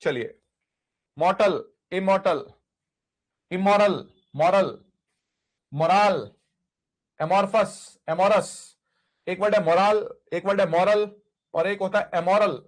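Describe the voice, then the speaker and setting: A man's voice: sits high, takes it slowly, long pauses. A man teaching an exam vocabulary lesson, drilling word lists by repetition and asking and answering his own questions. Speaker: English teacher.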